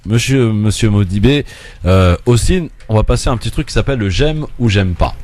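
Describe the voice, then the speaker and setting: A man hosting a casual radio talk show, asking guests lively, teasing questions with many fillers. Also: on the low side, fairly quick, noisy background.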